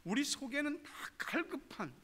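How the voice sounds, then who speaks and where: A man preaching a sermon as pastor, swinging from hushed, quiet lines to loud, impassioned ones. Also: very high voice, sing-song, moderate pace, long reverb tail. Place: church sanctuary.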